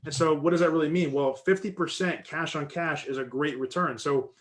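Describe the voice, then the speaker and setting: A man talks through worked numbers at a rapid clip. His voice sits a little high and he thinks aloud, restarting sentences as he goes. It is an informal teaching talk to a group. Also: fairly even intonation. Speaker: real estate investor presenting to a group.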